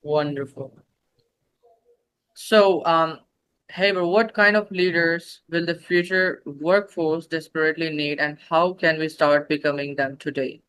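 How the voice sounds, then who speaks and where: A man hosting a podcast, asking an interview question in a measured, polite way. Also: on the high side, fairly even intonation, fairly bright tone, smooth, low-quality recording. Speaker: podcast host.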